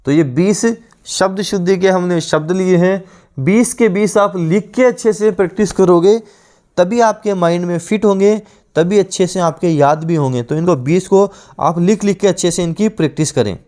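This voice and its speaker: Male exam coach, slightly high voice, drills each word over and over. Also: darkish tone. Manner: repeats each word slowly several times; drills with rhetorical questions. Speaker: teacher. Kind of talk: exam-prep grammar lesson.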